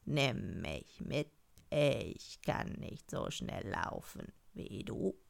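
A woman voicing a male frog in a fairy tale, speaking in a low, slow, croaky voice and adding quacks. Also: very animated, full character voice. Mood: pleading. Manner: drawn-out, croaky, ends lines with quacks.

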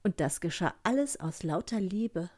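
Calm woman reading a fairy tale. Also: on the low side, moderate pace. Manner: calm, even storytelling. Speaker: storyteller.

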